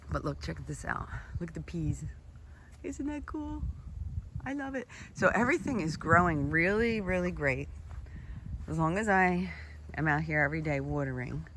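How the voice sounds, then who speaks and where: A gardener giving an enthusiastic, slightly out-of-breath walking tour of an outdoor garden, recorded on a handheld camera. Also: medium pitch. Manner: enthusiastic, exclaiming over plants. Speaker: gardener showing her garden. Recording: outdoor ambience noise. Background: outdoor ambience.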